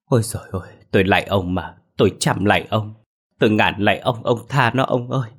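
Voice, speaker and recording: A man's voice: lowish voice, a little fast, husky. A man voicing an anxious older mother who pleads and wails for her daughter. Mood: pleading. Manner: pleading, wailing.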